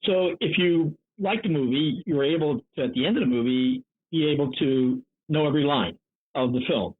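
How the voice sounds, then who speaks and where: A man's voice: a little high, moderate pace, breathy edge. 78-year-old man on a tinny line. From North Jersey. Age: 70s. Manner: energetic, chatty storyteller. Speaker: guest. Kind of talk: interview conversation.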